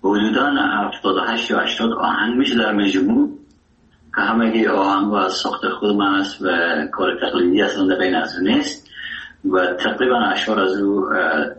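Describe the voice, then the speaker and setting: A man with an Afghan Dari accent, a musician guest in a radio interview, talking warmly and rambling with many hesitations. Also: fairly low pitch. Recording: distant, echoey, dull lo-fi line.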